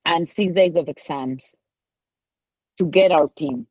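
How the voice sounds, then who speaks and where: A woman's voice: low voice, takes it slowly, darkish tone, dry recording, low-quality recording. A woman from Ecuador with a Spanish accent, a mountain guide telling her story in a casual interview, rambling with many "like" and "you know" fillers.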